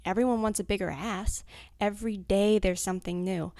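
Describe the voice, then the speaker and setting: Blunt, gravelly young woman, dry close sound. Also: mid-range voice, steady tone, a little fast, warm tone, dry recording. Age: 20s. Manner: blunt, frank, swears freely. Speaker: anonymous interviewee. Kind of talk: candid recorded interview, cut into fragments.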